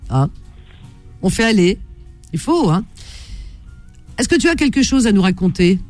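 A woman's voice: mid-range voice, very animated, measured pace, a little mellow, soft background music. A woman hosting a late-night radio call-in show, chatty and full of fillers. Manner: chatty, filler-heavy, lots of hein and euh.

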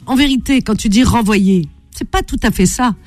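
Radio host, female, chatty and quick to jump in, faint music under her voice. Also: on the high side, no room sound. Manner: chatty, warm toward callers, interjecting often. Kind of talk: late-night phone-in talk show.

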